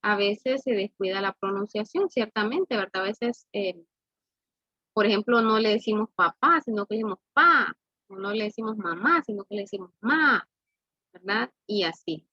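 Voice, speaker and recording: A woman teaching a class, explaining slowly and checking in with "¿verdad?" after nearly every point. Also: mid-range voice, fairly bright tone, dry recording, dull audio. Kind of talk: classroom lesson.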